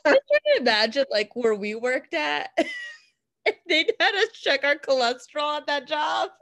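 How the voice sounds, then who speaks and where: A woman chatting casually on a podcast, playful and quick to laugh. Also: high voice, sing-song, fairly bright tone, no room sound. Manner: playful, laughing, acts out quoted voices.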